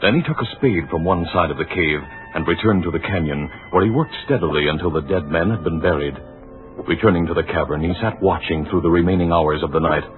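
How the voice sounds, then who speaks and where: A man narrating a radio drama in a measured, dramatic way. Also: deep voice. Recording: tinny old radio broadcast with music. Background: music.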